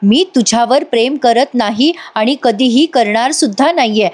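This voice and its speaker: A woman's voice: a little high, natural voice. A woman voicing a composed, firm man who coldly turns down unwanted love, in a voice-over episode recap. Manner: calm, firm, measured.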